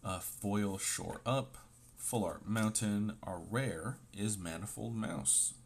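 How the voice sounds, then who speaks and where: Slow and gravelly, a lowish-voiced man with a sore throat chats as he cracks open card packs, calling out each card's name with playful side comments. A little background noise is audible.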